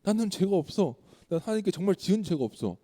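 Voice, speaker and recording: A man's voice: high-pitched, big pitch swings, fast, dark tone, in a large hall. A man voicing Job, an aggrieved righteous older man who protests his innocence, in a children's sermon. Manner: protesting, pleading.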